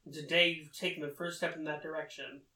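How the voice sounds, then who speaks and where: A man's voice: fairly high pitch, flat delivery, fast, bright, forceful tone. A man reading the lines of a stern veteran male manga editor in a solemn, lecturing way. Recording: roomy, distant mic.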